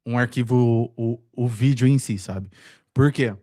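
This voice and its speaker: A man's voice: mid-range voice, measured pace, mellow. A man with a Brazilian accent working as a video editor, talking hesitantly with lots of fillers and a defensive tone. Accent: Brazilian Portuguese. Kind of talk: casual work conversation.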